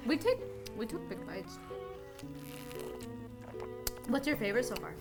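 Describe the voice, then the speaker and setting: A woman's voice: a little high, very animated, fast talker, over loud music. A woman interviewing a co-worker during a hot wings challenge, giggling often and asking one question after another. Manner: giggly, asks lots of questions.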